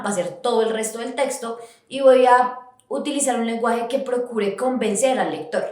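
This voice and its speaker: A woman's voice: medium pitch, a little mellow. A woman giving an educational podcast lesson on writing, explaining step by step with frequent restarts. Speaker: writing instructor. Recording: very echoey room.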